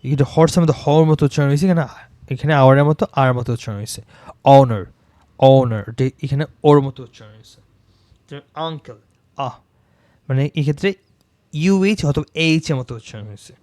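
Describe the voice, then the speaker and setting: A man teaching an English grammar lesson, repeating example words slowly to show how they sound and mixing English terms into his talk. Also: medium pitch, lively intonation, a little mellow, no room sound. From Bangladesh.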